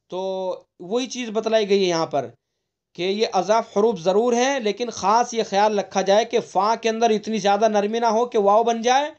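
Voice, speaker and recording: High-voiced man teaching Quran recitation. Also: a little mellow. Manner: explains patiently, repeats key points and demonstrates sounds. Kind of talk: online tajweed lesson. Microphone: online class recording.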